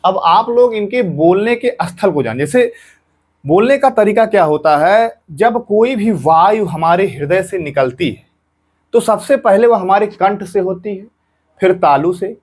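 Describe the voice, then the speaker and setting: A man's voice: high-pitched, animated, unhurried, darkish tone, husky. A male teacher giving an exam-prep grammar lesson, patiently saying each sound aloud and repeating points for students.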